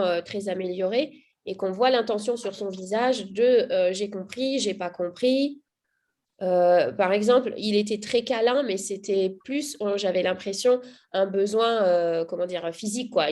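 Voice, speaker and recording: A woman's voice: mid-range voice, moderate pace, a little mellow. A woman talks through her experience as a mother in an easygoing, unscripted way. She hesitates often, restarting sentences and filling gaps with small sounds while she searches for words. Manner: hesitant, many fillers and restarts. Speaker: mother giving a testimonial. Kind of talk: casual spoken testimonial.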